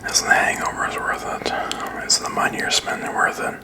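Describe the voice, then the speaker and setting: A man in his thirties rambles in a halting, unscripted whisper for ASMR, very close to a desk microphone in a small quiet room. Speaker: ASMR video creator. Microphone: desk microphone with furry windscreen, very close.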